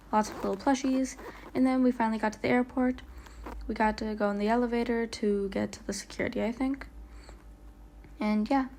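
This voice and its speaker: Woman, casual vlog narrator, higher pitch, rambling and stuttery, faint background hiss. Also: darkish tone. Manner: chatty, rambling, lots of "like" fillers; stumbles and stutters on words. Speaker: vlogger. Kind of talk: casual travel vlog voiceover. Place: voiceover, not recorded on location.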